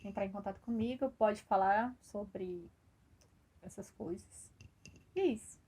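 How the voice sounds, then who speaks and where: A woman's voice: medium pitch, a little slow, darkish tone, slightly rough. A woman giving a casual, hesitant personal testimonial about organizing coding events, with an encouraging tone. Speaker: computer science student or graduate.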